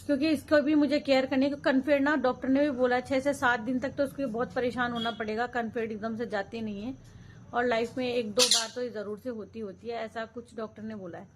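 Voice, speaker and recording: A woman's voice: on the high side, fairly even intonation, brisk, background noise. A woman, a mother, casually narrating a family vlog and talking straight to viewers while she cooks. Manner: chatty, talks straight to viewers while cooking.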